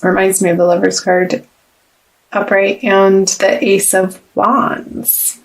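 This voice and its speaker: A woman giving a casual tarot reading, talking slowly and reflectively with halting restarts and pauses as she consults the cards. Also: mid-range voice, level tone, poor audio. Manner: slow, halting, with many restarts and ums. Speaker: tarot reader.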